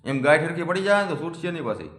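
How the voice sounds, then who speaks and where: A man's voice: a little high, sing-song, very fast, a bit bright. A man, speaking a defiant, scolding monologue that challenges his critics. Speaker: community vlogger. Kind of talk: confrontational monologue. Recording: echoey room.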